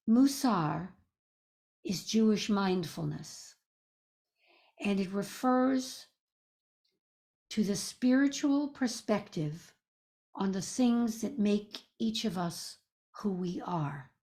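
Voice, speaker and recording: Gentle and soothing, a woman teaching a guided meditation speaks in a measured way, pausing often, with a mid-range voice.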